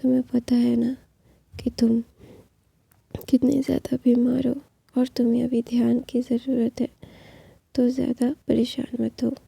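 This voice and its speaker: A woman voicing a stern, protective older woman in a husky whispered role-play. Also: on the high side, monotone, unhurried, long pauses, dark tone, no room sound, full character voice. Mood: scolding.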